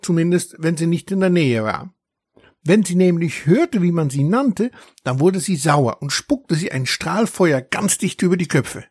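A proud young dragon, put on by a man reading a storybook, who grumbles and boasts in a raised, husky voice. He sounds indignant about everything he tells, and the recording is close and dry with no room sound. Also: fairly high pitch, animated, a little slow, a little mellow, dry recording, pitched above the performer's own voice. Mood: indignant boasting.

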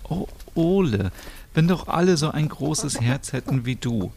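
A man voicing a sweet, soft-hearted young woman who gushes easily. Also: on the high side, lively intonation, a little slow, vocal fry, slight background noise, pitched above the performer's own voice. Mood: gushing. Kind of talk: voicing characters in a narrated story.

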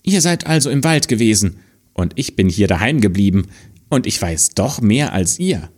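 A man's voice: lowish voice, big pitch swings, moderate pace, darkish tone. A man voicing the youngest brother in a spoken fairy tale, kind and reassuring. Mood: teasing.

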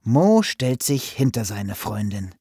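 Slow, expressive male storyteller. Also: fairly low pitch, husky, dry recording, studio quality. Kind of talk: children's story narration.

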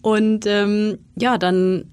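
A woman's voice: mid-range voice, level tone, drawn-out words, a little mellow, clean tone, dry recording. Woman, interview guest, chatty, storytelling, acts out quoted dialogue. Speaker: guest, freelance consultant and wedding speaker. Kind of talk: casual interview talk.

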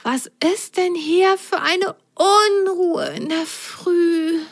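A woman voicing a sleepy, gentle little snake in a children's story, with a drowsy, softly hissing delivery. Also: very high voice, takes it slowly, voice pushed up, exaggerated voice.

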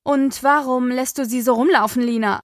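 A woman's voice: high-pitched, fairly even intonation, moderate pace, no echo, studio quality, close to an everyday voice. A woman voicing a scolding grandmother. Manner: sharp, disapproving.

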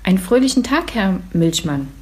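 A woman's voice: mid-range voice, big pitch swings, a little mellow, lightly acted. A woman reading aloud, voicing a cheerful, bossy, tidy little girl in a children's story. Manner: brisk and commanding.

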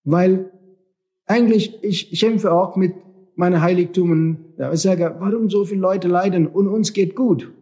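This spiritual teacher, a man who isn't a native German speaker, delivers an earnest talk in German packed with rhetorical questions and repetition. His voice sits high and sounds warm, and he speaks a little slowly.

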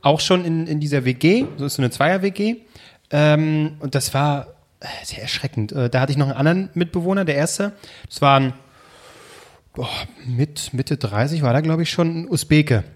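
A man's voice: fairly high pitch, moderate pace. A young man telling a story in casual chat, rambling and hesitant, often breaking into laughter.

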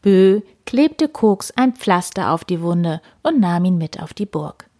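A woman reading a children's story aloud as narrator, in a clear storytelling manner. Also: lowish voice, big pitch swings, slow pace, mellow, dry recording, studio quality.

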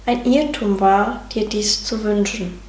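A woman voicing the loving, reassuring inner voice of a soul, speaking in a gentle, patient, guiding manner. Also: medium pitch, slow pace, lightly acted. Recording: roomy sound with faint music.

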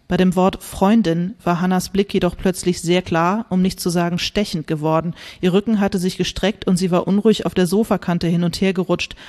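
A woman author reading a passage of her novel aloud in a measured, wry narrating voice. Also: lowish voice, fairly even intonation, a little mellow.

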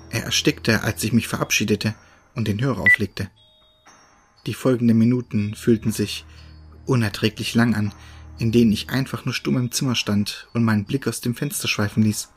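A man reads a first-person horror story in a measured, ominous voice pitched slightly low. Faint music plays beneath his steady narration.

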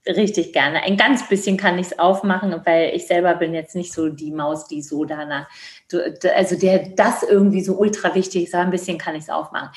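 A woman's voice: fairly low pitch, steady tone, a little fast. Earnest woman in her fifties, echoey. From Georgia. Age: 50s. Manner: earnest, thoughtful, with many restarts. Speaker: guest; midwife. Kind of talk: reflective conversation.

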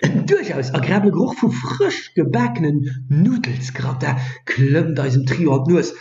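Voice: mid-range voice, big pitch swings, moderate pace, darkish tone, reverberant, lo-fi sound, soft background music. A storyteller narrating a scripted fantasy tale in a dramatised style.

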